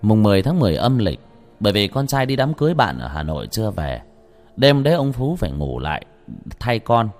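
A man narrating a ghost story in an animated, earthy way. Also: lowish voice, fairly quick. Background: faint music.

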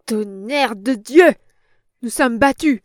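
Woman playing a rough, cynical male thug, coarse, dry recording. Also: mid-range voice, little pitch movement, moderate pace, no echo, close to an everyday voice. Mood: enraged, cynical.

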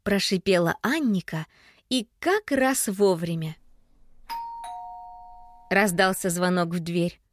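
A woman narrating a children's storybook aloud in an expressive, lively storytelling manner. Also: lowish voice, slow pace, pauses often, a little hiss or hum. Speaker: audiobook narrator.

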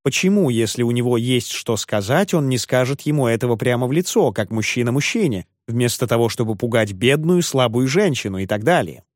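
A man's voice: mid-range voice, expressive, a little fast, hardly any pauses, dry recording, clean studio sound. A man narrating an audiobook expressively.

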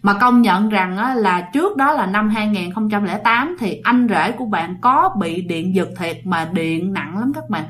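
A woman's voice: medium pitch, animated, a little slow, few pauses, a bit bright, soft background music. A woman telling a ghost story casually, talking straight to her listeners. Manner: chatty, addresses listeners directly.

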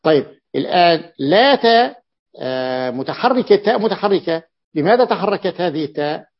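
A man teaching a classical grammar lesson as a sheikh, deliberate and repeating key words, with an "ah" between points. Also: sits high, lively intonation. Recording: muffled lo-fi recording.

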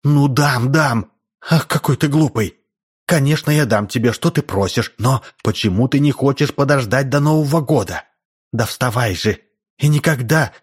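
A man's voice: mid-range voice, animated, normal speed, darkish tone, lightly acted. A man reading a stately grey-haired lady in an audiobook, speaking in a cold, lecturing manner. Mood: flustered scolding. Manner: indifferent, lecturing.

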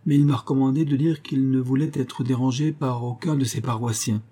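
A man reading aloud and voicing a stammering, deferential male servant in a strained, husky voice. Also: medium pitch, steady tone, a little fast, mellow, pitched above the performer's own voice, natural voice. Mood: flustered. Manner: stammering, flustered.

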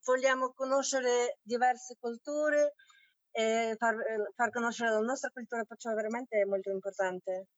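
A woman's voice: on the high side, steady tone, no room sound. Woman from Ukraine over the phone. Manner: halting, searching for words. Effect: heard over a phone line. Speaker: community representative, guest. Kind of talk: live remote interview. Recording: dull lo-fi phone audio.

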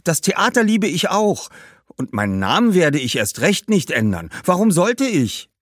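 A man's voice: sits high, sing-song, measured pace, no echo, clean studio sound, pitched above the performer's own voice, heavily acted. A man voicing an earnest, bookish young schoolboy who talks eagerly and insistently in a storybook.

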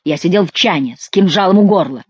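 A woman's voice: on the low side, lively intonation, quick pace, darkish tone, slightly rough, no room sound, dull audio. A woman voicing a hot-tempered young male courtier who curses angrily. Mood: furious. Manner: angry, cursing.

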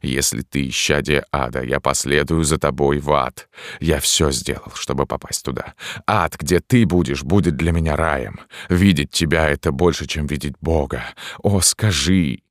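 A man reading aloud acts out a desperate priest torn by obsessive love, his pleas rising and pressing hard. Under the strain the voice keeps a low, deep base. The recording is dry and close. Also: normal speed, few pauses, dry recording. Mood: pleading. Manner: pleading, passionate, with outbursts. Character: tormented middle-aged priest, desperate and obsessive. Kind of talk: dramatic audiobook reading.

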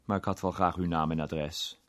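A man's voice: deep voice, steady tone, normal speed, a bit bright, no room sound. A man voicing a plain-spoken, curt police inspector in a read-aloud crime story.

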